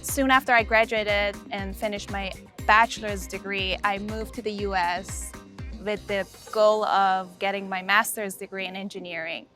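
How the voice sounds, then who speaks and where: Woman in her twenties, bright tone, earnest scripted intro over light music. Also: mid-range voice, steady tone, moderate pace. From Iran. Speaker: master's student introducing herself.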